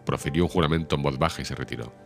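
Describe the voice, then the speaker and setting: Very deep-voiced man narrating an audiobook. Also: rapid-fire, gravelly. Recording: music behind the reading.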